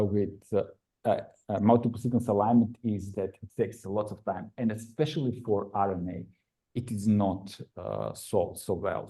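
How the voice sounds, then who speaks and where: This middle-aged man from Croatia is an invited researcher presenting a seminar in a lecture room. He speaks with non-native phrasing and says "uh" often. His lowish voice is dark and husky.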